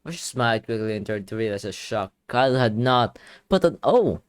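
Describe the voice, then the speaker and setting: This man makes gaming videos, and here he narrates a game's story text aloud, reacting with lively exclamations in between. He speaks at a moderate pace in a clean, mid-range voice, though it is starting to tire and strain, and his commentary stays playful.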